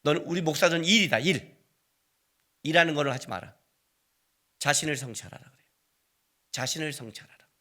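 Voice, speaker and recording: A man preaching a Sunday sermon, fairly high for a man, with a lively voice that climbs and drops as he acts out both sides of an argument. His tone is bright and forceful, and he keeps turning to the congregation with questions. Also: a little fast, long pauses. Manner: storytelling with acted-out dialogue; conversational, asks the congregation questions. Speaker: pastor. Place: church sanctuary.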